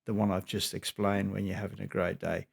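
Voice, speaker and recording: A middle-aged man, a health expert guest on a podcast, telling an animated anecdote. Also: deep voice, fairly quick, gravelly. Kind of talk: storytelling in a podcast interview.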